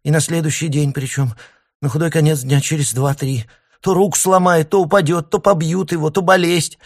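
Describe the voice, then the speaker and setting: A man voicing a shrill, frantic middle-aged mother who shrieks her complaints, in a storybook reading. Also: steady tone, moderate pace. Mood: agitated.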